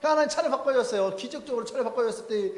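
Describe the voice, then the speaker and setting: Man, pastor, sermon, high lively voice, echoey church hall with long reverb. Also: rapid-fire, a little hiss or hum. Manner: animated, acts out quoted people with shouts and laughs. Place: church sanctuary.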